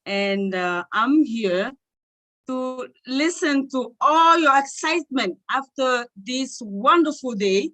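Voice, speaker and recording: Woman from Togo, high voice, bright tone, slow, halting delivery, online panel co-host. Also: rough recording. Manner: warm, excited, halting with fillers.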